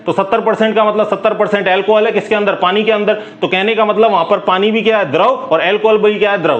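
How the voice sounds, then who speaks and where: A man teaching a chemistry class, firing quick questions at students and answering them himself in a brisk, chatty way. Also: sits high, a bit bright, muffled recording. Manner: calls listeners "bhai", brisk and chatty. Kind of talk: classroom lecture.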